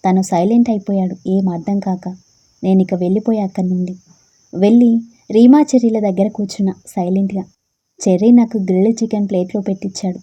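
Brief: woman storyteller, husky and mellow, soft subdued first-person reading. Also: mid-range voice.

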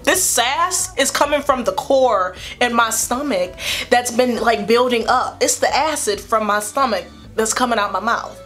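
A young woman vlogger telling a story from her childhood in a casual, animated and slangy way. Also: on the high side, measured pace, faint music behind.

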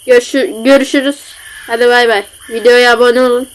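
A young-sounding woman with a slightly high voice chats through a horror game in a casual Turkish-accented ramble. She sounds flustered and pokes fun at herself while talking into a facecam mic at home. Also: steady tone, brisk, background noise. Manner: chatty, self-mocking, easily flustered. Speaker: gamer playing a horror game. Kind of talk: casual gameplay commentary. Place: at home, seated. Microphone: facecam with built-in mic.

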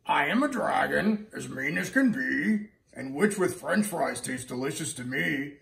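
A man voicing a mean, hungry dragon in measured rhyme while reading a picture book to a toddler. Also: fairly high pitch, animated, gravelly, a bit bright, full character voice. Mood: menacing. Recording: echoey living room, distant mic.

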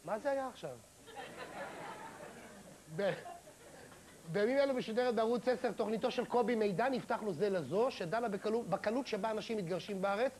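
A man hosting a comedy talk show, briskly thanking guests and introducing segments. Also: high-pitched, a little mellow, slight background noise, poor audio.

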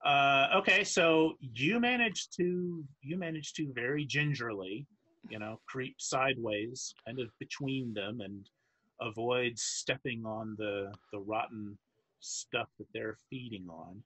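Man, game master, husky, bright tone, halting delivery with restarts. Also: mid-range voice. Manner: halting, many restarts, laughs easily. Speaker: dungeon master. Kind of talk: narrating a tabletop game.

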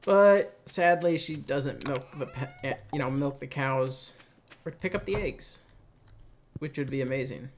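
A man's voice: mid-range voice, a little slow, slight background noise. A man hosting a casual let's play, musing aloud and chatting as he plays. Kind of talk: casual gameplay commentary.

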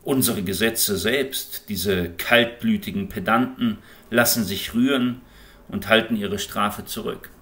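A man reading an audiobook in an expressive, impassioned way. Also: fairly low pitch, unhurried. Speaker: audiobook reader. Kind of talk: scripted audiobook narration.

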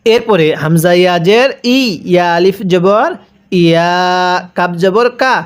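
A patient recitation teacher moves through the lesson very slowly, spelling out each letter and vowel mark before stretching out whole words. The voice is smooth and clear, and every word is drawn out for listeners to repeat. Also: mid-range voice.

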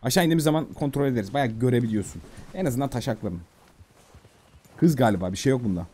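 A man streaming a game, chatting casually to himself, reading prompts aloud with a Turkish accent and softly calming his horse. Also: mid-range voice, fast talker, slightly rough. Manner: repeats soft calming words. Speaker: gaming streamer. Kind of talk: casual let's-play commentary.

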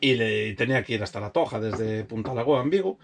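A man telling his own life stories in casual chat, animated and acting out other people's voices. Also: medium pitch, fast talker, creaky, slight background noise.

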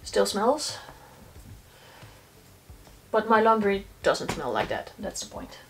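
A young woman who vlogs about eco living sits on the floor in a small laundry corner indoors, testing laundry on camera and thinking aloud matter-of-factly as she checks each piece. Her mid-range voice is slow and gravelly with big pitch swings. The background is noisy.

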